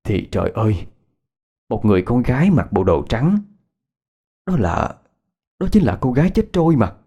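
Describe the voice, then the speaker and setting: A man, narrating a ghost story in a measured, unhurried way. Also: mid-range voice, big pitch swings, gravelly, warm tone, breathy edge. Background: faint instrumental music.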